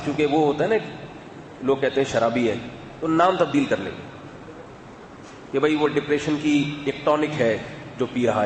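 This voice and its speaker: A man giving a sermon in a calm, conversational, explanatory way, with asides to his listeners. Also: mid-range voice. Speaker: religious scholar. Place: mosque or hall with loudspeaker system. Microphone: loudspeaker microphone. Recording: echoey hall, faint background noise.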